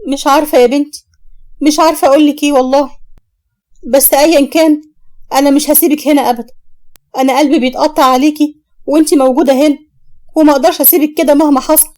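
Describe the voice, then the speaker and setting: A woman with an Egyptian accent voicing a gentle, worried mother who speaks softly and reassuringly. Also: sits high, steady tone, very fast, pauses often, close to an everyday voice. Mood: sorrowful. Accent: Egyptian Arabic.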